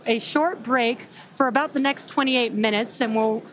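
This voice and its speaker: A woman hosting a live launch webcast, breathless and excited. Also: fairly high pitch, normal speed. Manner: breathless, excited, laughing between words. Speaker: webcast host.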